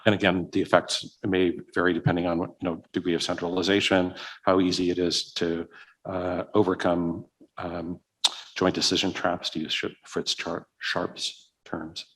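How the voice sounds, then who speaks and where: A man with a very deep voice gives a keynote talk at a conference and then answers audience questions. He pauses often, with plenty of "uh" and "you know" between his points. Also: little pitch movement, fairly bright tone, husky. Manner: hesitant, many fillers and restarts. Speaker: keynote speaker. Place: conference hall.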